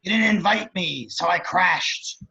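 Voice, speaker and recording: The Penguin, high gravelly sneering villain. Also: male voice, bright, forceful tone, lo-fi sound, exaggerated voice. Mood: scornful. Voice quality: gravelly, raspy. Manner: sneering, drawn-out taunts. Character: Penguin, sneering vengeful male villain, crude and theatrical. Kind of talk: amateur table read of a film script.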